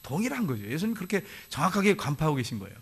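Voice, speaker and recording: A man preaching a sermon to his congregation in church. He asks them questions directly and reads scripture slowly. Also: on the high side, sing-song, fairly bright tone, slightly rough. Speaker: pastor. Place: church sanctuary.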